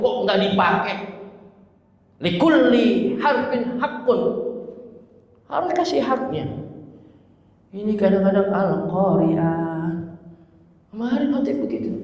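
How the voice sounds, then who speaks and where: A middle-aged man preaching a sermon in a lively, teasing way, sometimes mimicking faulty recitation. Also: sits high. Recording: echoey hall.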